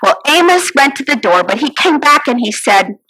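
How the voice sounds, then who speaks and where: A woman's voice: high voice, big pitch swings, moderate pace, pushed and bright, exaggerated voice, poor audio. Woman playing a kvetching innkeeper's wife. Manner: kvetching, theatrical, sighing and exclaiming. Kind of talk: first-person character monologue.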